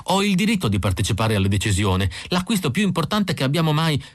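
A man voicing an excited, affectionate young wife in an audiobook reading. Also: fairly high pitch, fast, no echo, clean studio sound, pitched above the performer's own voice. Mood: indignant.

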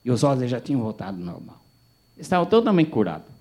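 A male pastor, giving a sermon testimony as animated storytelling with acted dialogue. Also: medium pitch, quick pace.

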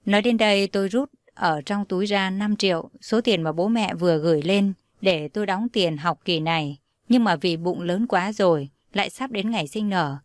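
A young woman narrating a first-person story in a calm, steady reading voice. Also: mid-range voice, no echo, clean studio sound.

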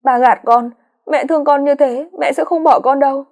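A woman playing a grieving girl in a storybook reading, pitched high, pleading. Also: steady tone, normal speed, a little mellow. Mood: distraught. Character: grief-stricken young woman, clinging and pleading.

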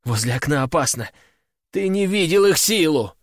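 Man voicing a hysterical young son, frantic pleading, high strained voice, dry audiobook sound. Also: lively intonation, moderate pace, no echo. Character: panicked young male gangster's son, hysterical.

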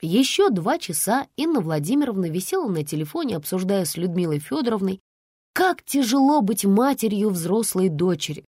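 A woman narrating a story aloud in an expressive storytelling style. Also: mid-range voice, moderate pace, husky, dry recording, clean studio sound. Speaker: audiobook narrator.

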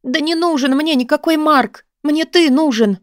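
A woman's voice: fairly high pitch, a little fast, darkish tone, no echo, studio quality, voice pushed up, lightly acted. A woman voicing a lovesick young woman student who pleads in a raised, emotional voice in an audiobook reading. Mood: desperate, pleading.

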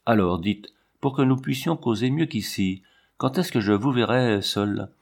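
A man's voice: mid-range voice, unhurried, vocal fry. A man voicing an impassioned, lovestruck fairground performer who pleads eagerly. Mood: pleading.

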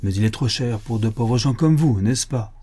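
A man reading an audiobook, voicing a cheerful, generous young prince with a brisk, kindly commanding manner. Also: medium pitch, warm tone, slightly rough, natural voice. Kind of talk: audiobook character voice.

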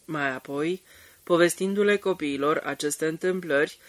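A man narrating an audiobook in a steady, measured reading. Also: on the high side, dry recording. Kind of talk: scripted narration.

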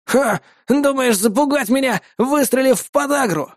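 Old man, defiant and grumpy, played by a male narrator, pitched high, dry audiobook sound. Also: moderate pace, dry recording. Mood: agitated. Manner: indignant, excitable.

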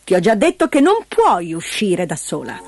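A woman voicing a strict, stern middle-aged governess in a storybook reading, speaking in sharp, clipped scolding tones. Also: lowish voice, wildly swooping pitch, normal speed, husky, dry recording, studio quality, exaggerated voice. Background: background music.

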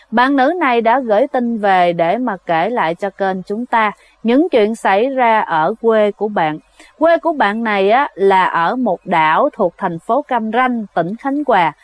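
A woman's voice: mid-range voice, lively intonation, measured pace, no echo. A woman telling a ghost story in a casual, chatty way, often addressing her listeners directly. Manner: chatty, addresses listeners as "các bạn", many fillers. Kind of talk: casual spoken storytelling to viewers.

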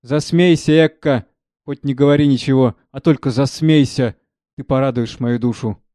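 A man's voice: medium pitch, moderate pace, dark tone, no echo, studio quality, natural voice. A man reading aloud, voicing a stout, bossy male steward who barks orders at the servants. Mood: lamenting. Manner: barking orders.

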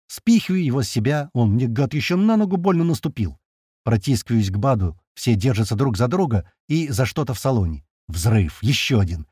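A man narrating an action audiobook in the first person with tense, lively storytelling. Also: medium pitch, breathy edge, no room sound, studio quality.

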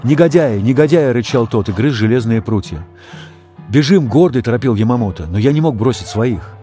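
Male audiobook narrator, warm mellow tone, expressive reading, soft music bed. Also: lowish voice, quick pace. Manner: expressive, raises voice for dogs' shouts. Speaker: audiobook reader. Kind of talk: storybook narration.

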